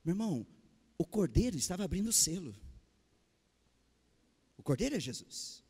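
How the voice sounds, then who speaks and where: A Brazilian man with a Brazilian Portuguese accent preaching a Sunday sermon, calling out questions to the congregation and swinging between loud and hushed. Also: high voice, very animated, normal speed, slightly rough. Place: church hall. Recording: long hall reverb.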